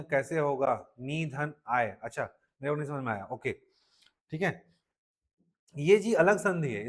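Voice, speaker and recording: A man with a Chhattisgarhi-tinged accent leads a live Hindi lesson, his voice sitting a little on the high side. He checks in with the class constantly and slows down to spell words out one sound at a time. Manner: drills students with frequent "ठीक है" checks. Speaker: Hindi teacher at a coaching class.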